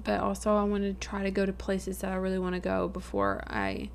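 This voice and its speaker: A woman's voice: medium pitch, sing-song, a little fast, creaky, slight background noise. A young adult woman co-hosting a podcast, chatting casually and playing up her own drama. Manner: chatty, self-mockingly dramatic. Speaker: podcast co-host. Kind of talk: casual chat.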